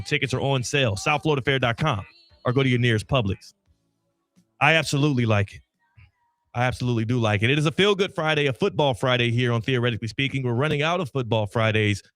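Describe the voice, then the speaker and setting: Energetic man hosting sports radio. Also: mid-range voice, quick pace, no echo. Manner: energetic, loud, playful. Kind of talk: casual radio talk. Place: radio studio.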